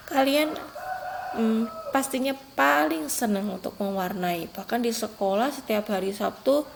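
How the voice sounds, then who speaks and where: A young woman, teaching a lesson to small children in a patient, gentle way and reading example sentences with lifted emphasis. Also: medium pitch, vocal fry, slight background noise, rough recording. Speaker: primary school teacher. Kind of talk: recorded online class lesson for young children.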